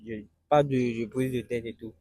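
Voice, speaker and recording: A man of middle pitch answers questions in a street interview, speaking quietly and haltingly with a resigned air. The sound is dry and close, with no echo. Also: steady tone. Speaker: interviewee, father. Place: outdoors on the street.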